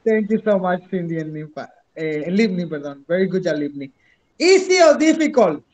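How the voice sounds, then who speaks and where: Very high-voiced male teacher. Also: very animated, normal speed, a little mellow. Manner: encouraging, switches between English and Spanish. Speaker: English teacher. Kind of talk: online class instruction.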